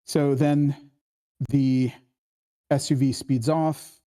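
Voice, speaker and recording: A male host runs a casual screenplay workshop discussion in a warm, medium-pitched voice with flat delivery and drawn-out words. He explains things in a conversational way, plays out quoted dialogue, and keeps checking in with "right?"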